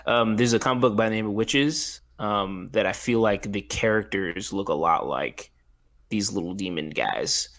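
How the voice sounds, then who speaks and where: Man, lowish pitch, podcast co-host, casual film talk, informal, slangy, sweary. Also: moderate pace, fairly bright tone.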